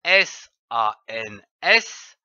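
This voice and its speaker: Slow, bright-voiced French man teaching phonics. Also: medium pitch, sing-song, no room sound. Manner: spells out letters and syllables slowly and clearly. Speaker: reading teacher. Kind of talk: slow, deliberate phonics lesson. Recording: dull, lo-fi.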